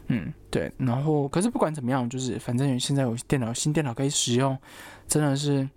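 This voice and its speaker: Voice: medium pitch, fairly quick, darkish tone, dry recording. A young adult student, casually telling a personal story and stringing thoughts together with fillers. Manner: chatty, quotes others, lots of fillers like "然后" and "anyway".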